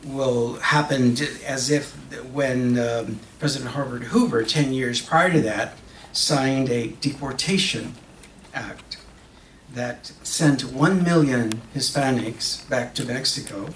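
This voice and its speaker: A man plays an earnest magazine publisher in a concerned mood, delivering a dramatic stage monologue that moves between Spanish and English. He has a medium-pitched, fairly bright voice and a halting, deliberate style of short phrases with pauses. Recorded at a lectern stand mic by a distant camera, the auditorium sound is echoey and distant with background noise.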